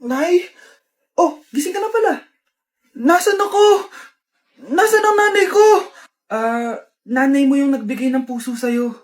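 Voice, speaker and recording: A woman with a very high, bright voice acts out short comic skits. She plays every part herself and jumps quickly from one character to the next.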